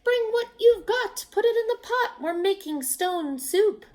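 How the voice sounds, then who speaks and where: A woman voicing jolly, showy travelers from a children's storybook, calling out loudly in an exuberant singsong with drawn-out words. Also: very high voice, lively intonation, pitched above the performer's own voice. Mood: excited. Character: two jolly, showy hungry travelers boasting as master cooks. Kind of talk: children's storybook read-aloud.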